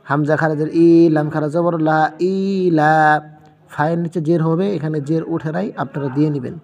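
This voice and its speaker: Guy teaching a reading lesson, slow and patient, sounds out each letter, bit of an echoey hall. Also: fairly high pitch, steady tone, darkish tone. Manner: patient, spells out letter sounds slowly and repeats them.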